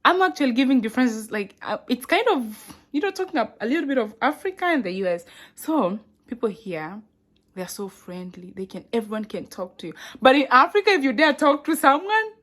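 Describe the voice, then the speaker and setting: Young woman, Kenyan accent, casual vlog, animated, exclamatory, chatty with viewers. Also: a little high, fairly quick. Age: young adult. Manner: animated, exclaims and laughs often, addresses viewers as guys. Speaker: vlogger. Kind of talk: casual vlog talk to camera.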